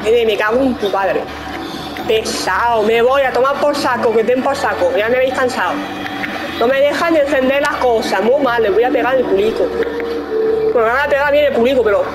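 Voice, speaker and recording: Over loud music, a young gaming streamer from Spain talks briskly in a slightly high voice with a Spain Spanish accent. Her let's-play chatter is casual, peppered with exclamations, curses and scolding aimed at enemies. The recording sounds rough.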